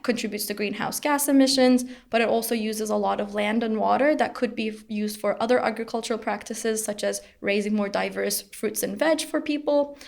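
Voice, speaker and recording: A young woman from Turkey, a researcher explaining her work in an interview in a measured way, with occasional fillers. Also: mid-range voice, creaky. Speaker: researcher guest.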